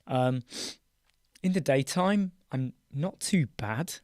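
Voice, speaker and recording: A British man hosts a casual live-stream chat from a small, dark room lined with soundproof panels, so the recording is very dry. His mid-pitched voice is hoarse and croaky, and he clears his throat as he greets viewers by name, trailing off and restarting. He's expressive and chatty, taking things slowly with a darkish tone.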